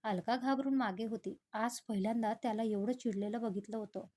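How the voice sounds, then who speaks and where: Woman telling a story in a higher voice. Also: fairly even intonation, a little fast, a little mellow. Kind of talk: scripted story narration.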